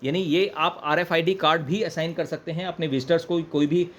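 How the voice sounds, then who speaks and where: A little high, steady and a bit bright, an Indian man's brisk voice leads an informal product demonstration step by step, with repeated points and English phrases mixed in. Clear background noise and room ambience surround him.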